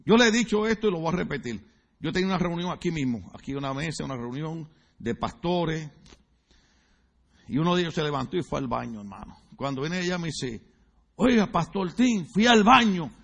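A man's voice: fairly high pitch, a little fast, gravelly, dull audio. A male pastor preaching a sermon in a church, joking and teasing the congregation and asking them questions. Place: church sanctuary.

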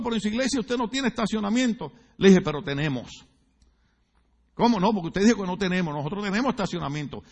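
A man's voice: high-pitched, gravelly, slightly rough. A male pastor preaching a sermon in a church, joking and teasing the congregation and asking them questions. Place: church sanctuary.

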